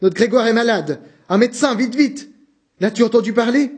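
A man's voice: very high-pitched, normal speed, a little mellow, slightly rough, voice pushed up. A man reading aloud, voicing a tearful, panicked mother calling out for help. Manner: pleading, panicked. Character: tearful anxious older mother.

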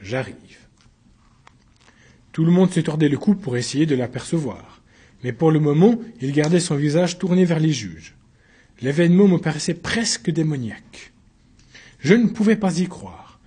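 A man with a fairly high but mellow, husky voice narrates a story in the first person. His delivery is even and measured, like an audiobook reading.

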